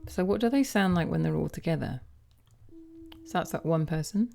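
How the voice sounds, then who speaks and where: A woman gently explaining and demonstrating vocal toning, pausing often with ums as she plays back tracks. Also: deep voice, lively intonation, gravelly, noisy background. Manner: gentle, hesitant with frequent ums.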